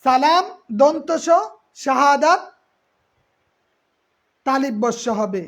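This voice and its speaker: A woman's voice: sits high, slow. A woman teacher giving an exam-prep class, patiently repeating terms and quizzing her students.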